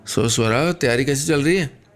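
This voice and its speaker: A man's voice: medium pitch, moderate pace, voice pushed up, natural voice. A man playing an earnest, thoughtful young male college teacher in a radio story.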